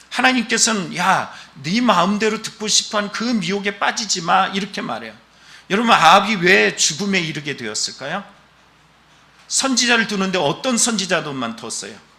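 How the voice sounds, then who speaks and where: A man preaching a Sunday sermon in a church, with a high-set voice that swings widely up and down. His tone is very bright and piercing. He presses his listeners with rhetorical questions and emphatic calls. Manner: emphatic, exhortative. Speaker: pastor. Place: church during a worship service.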